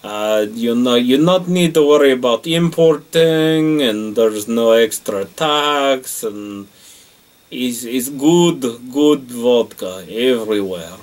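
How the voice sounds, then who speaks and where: This man's mid-range voice is animated yet slow as he performs a comedic Russian character, boastful and jokey, who rates things. The accent is put on, the English deliberately broken, and he keeps calling himself by name with deadpan bravado. He is picked up by a distant mic.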